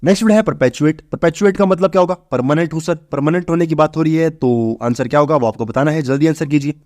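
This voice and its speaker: A young man teaching exam vocabulary, briskly asking and answering his own questions. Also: a little high, darkish tone, no echo. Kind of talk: exam-prep vocabulary lesson.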